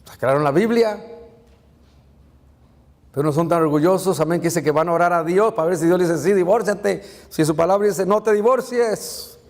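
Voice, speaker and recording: A man's voice: fairly high pitch, brisk, long pauses, in a large hall. A man, a pastor, preaching a sermon, asking rhetorical questions and calling out to the congregation.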